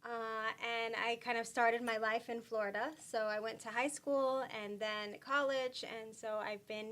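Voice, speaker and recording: A woman from Puerto Rico is a guest in a casual interview, speaking softly with lots of fillers and restarts. Her voice is a little high, her delivery flat and a little slow.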